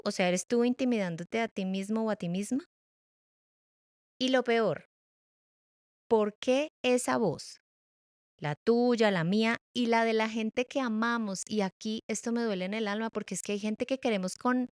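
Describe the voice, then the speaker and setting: A middle-aged woman hosting a reflective podcast monologue, expressive and playful, shifting pace and loudness and laughing at her own stumbles. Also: on the high side, no echo, clean studio sound. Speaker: podcast host.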